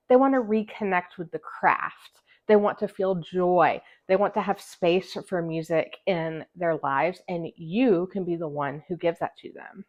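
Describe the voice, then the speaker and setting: A woman speaks with the slight lisp of someone wearing a retainer. Her voice sits a little low as she delivers scripted, encouraging advice in an emphatic vlog-host style. The recording is slightly dull and lo-fi. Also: darkish tone. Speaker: host, music teacher and musician.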